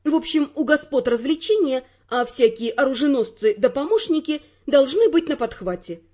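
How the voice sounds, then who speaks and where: A woman voicing a prickly, defensive young female spy with sharp retorts. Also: high-pitched, animated, normal speed, dull audio. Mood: offhand.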